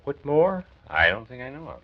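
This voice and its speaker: Here the earnest, kindly county doctor of a 1940s radio drama speaks at a medium pitch with a sing-song lilt and ordinary pace. He explains and persuades in a concerned, reassuring way, heard through a muffled vintage recording.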